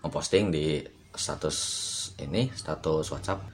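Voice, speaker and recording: A man's voice: a bass voice, measured pace, a little mellow, breathy edge. A young man telling a personal story in a casual, rambling podcast monologue full of fillers. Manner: rambling, many fillers, slangy. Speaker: podcast host.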